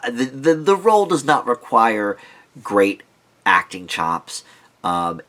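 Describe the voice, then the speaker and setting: Low-voiced man casually reviewing films. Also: fairly bright tone. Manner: conversational, digressive, thinking aloud. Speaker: film reviewer. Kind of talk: casual rambling movie review.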